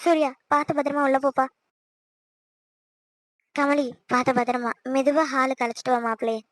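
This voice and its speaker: Lady doing an anxious doting cartoon mother-in-law, high and rapid, dry sound. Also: fairly even intonation, dry recording, lightly acted. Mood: fussing. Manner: anxious, doting, many questions. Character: worried middle-aged mother-in-law, fussing. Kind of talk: cartoon voice acting.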